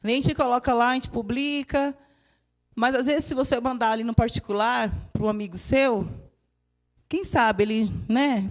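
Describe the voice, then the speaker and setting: Lively Brazilian woman preaching. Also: sits high. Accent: Brazilian Portuguese. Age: young adult. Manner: lively and emotional, with laughter and mimicked voices. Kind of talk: sermon. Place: church.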